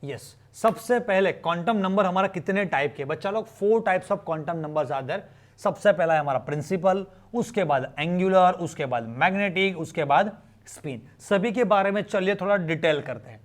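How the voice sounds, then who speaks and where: Speaking in a high voice with lively intonation at a moderate pace, an Indian-accented chemistry teacher talks students through material conversationally. He leans on questions and repetition and mixes in English.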